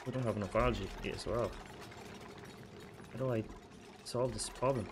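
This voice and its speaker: A man giving let's play commentary as a gaming channel host, frantic and swearing, talking to himself and his viewers, his pitch jumping up sharply whenever he panics. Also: steady tone, moderate pace, noisy background.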